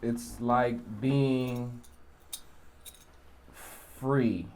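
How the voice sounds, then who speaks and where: A man from Jamaica, a rapper, talking casually in an interview, relaxed and rambling with many asides. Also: medium pitch, extremely slow, slight background noise. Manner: relaxed, rambling, with frequent "you know" asides.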